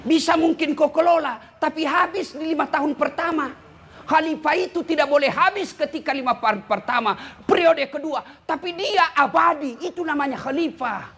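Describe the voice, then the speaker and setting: A man from Indonesia, an Islamic preacher giving a humorous sermon, teasing and addressing the congregation directly in an animated way. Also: extremely high pitch, normal speed.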